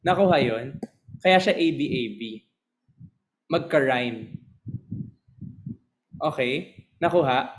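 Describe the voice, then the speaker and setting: A man teaching a class, switching between Tagalog and English, often asking the students whether they follow and reading verse slowly. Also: mid-range voice, animated, rough recording. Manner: slow, drawn-out reading of verse lines. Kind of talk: lecture mixing Tagalog and English.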